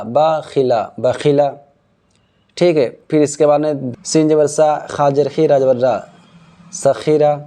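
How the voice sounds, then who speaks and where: A man teaching Quran reading in a slow drill lesson, patiently spelling out letters and vowel marks syllable by syllable. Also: mid-range voice, dark tone.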